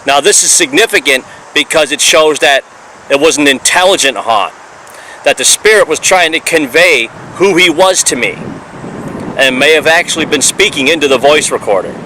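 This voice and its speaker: A man's voice: fairly high pitch, animated, normal speed, pushed and bright, slight background noise, rough recording. A man narrating his paranormal investigation as a voice-over, earnest and explanatory, building up each finding.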